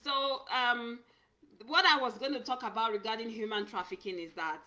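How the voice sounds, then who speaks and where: On a live stream, a Nigerian immigration consultant reads viewer comments aloud and responds with earnest advice, often restarting or repeating her words. Her voice is a little high and sharp in tone, at normal speed.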